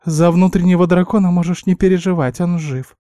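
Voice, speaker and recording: A squeaky, fussy little guinea pig lady, as a man puts her on, loud and quick to scold. Her voice sits far above a grown man's and stays dark and dry, like a storybook pet with a big temper. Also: fairly even intonation, no room sound, natural voice. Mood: explaining. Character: bossy shrill female magic guinea pig familiar. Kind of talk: audiobook character voice.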